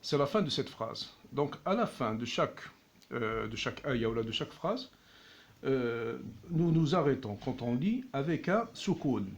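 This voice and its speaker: A man teaching at a whiteboard, patiently explaining and repeating each word slowly. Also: medium pitch, very animated. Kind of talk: slow classroom explanation.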